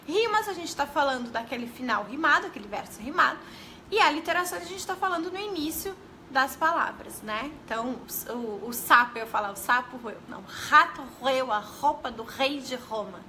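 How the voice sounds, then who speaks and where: A woman with a high, bright voice gives a casual live lesson from home. She talks straight to her viewers in a friendly, chatty way and often stops to correct herself. A faint hiss of room noise sits behind her. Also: animated, fairly quick. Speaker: teacher giving a live class. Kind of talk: casual live-stream teaching.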